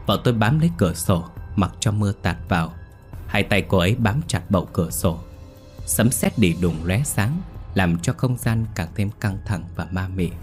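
Guy reading a ghost story, low husky voice, tense, faint music under it. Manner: tense first-person retelling. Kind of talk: scripted narration of a ghost story.

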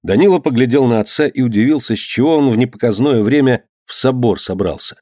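A man's voice: mid-range voice, quick pace, dry recording, studio quality. A man narrating a historical novel in a storyteller's manner. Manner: expressive storytelling, acts out characters. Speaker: audiobook narrator.

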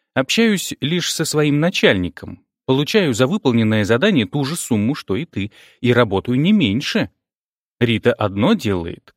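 A man reading an audiobook, voicing a calm, firm woman boss. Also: mid-range voice, dry recording, clean studio sound, natural voice.

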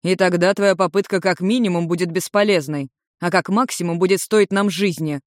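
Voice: medium pitch, steady tone, a little fast, no room sound, clean studio sound, close to an everyday voice. A storyteller voicing a mocking, smug young blond man. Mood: calm. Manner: smug, teasing.

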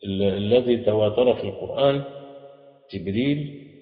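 A man's voice: mid-range voice, moderate pace. A man with an Egyptian Arabic accent teaching a Quran class, leaving sentences unfinished so his students can supply the answer. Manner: quizzes students with half-finished prompts. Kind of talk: classroom lesson with call-and-response. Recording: echoey hall, dull lo-fi sound.

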